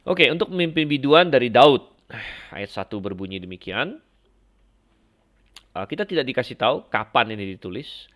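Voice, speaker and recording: A man giving a Bible lesson, explaining slowly with frequent fillers and restarts as he compares passages. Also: mid-range voice, sing-song, fairly bright tone. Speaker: Bible teacher. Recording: dull lo-fi lecture recording.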